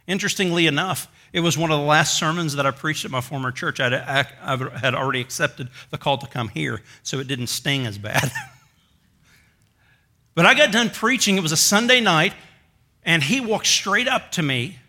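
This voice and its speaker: A pastor preaching a sermon in a conversational storytelling way, with light self-mocking humor and slow emphasis on key words. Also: male voice, fairly high pitch, bright, forceful tone.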